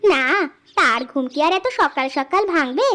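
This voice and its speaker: A woman's voice: high-pitched, animated, moderate pace, sharp tone. A woman playing a doting village mother. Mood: pleading. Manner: pleading, indulgent. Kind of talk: cartoon voice acting.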